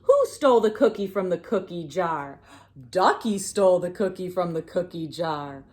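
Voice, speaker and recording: Her pitch fairly low, a woman narrates a picture book for young children with expressive, lilting sing-song delivery and pauses to prompt listeners.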